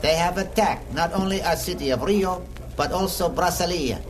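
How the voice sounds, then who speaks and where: An actor playing a formal government minister addressing a meeting in oratorical old radio show style. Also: male voice, high voice, normal speed, lightly acted. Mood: grave. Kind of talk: old radio show drama acting, public speech. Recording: crowd murmur behind the speech.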